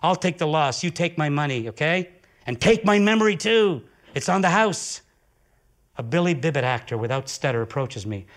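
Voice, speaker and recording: A man performing an intense, profane theatrical monologue with dramatic swings of pitch and volume. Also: expressive, normal speed. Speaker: solo stage performer.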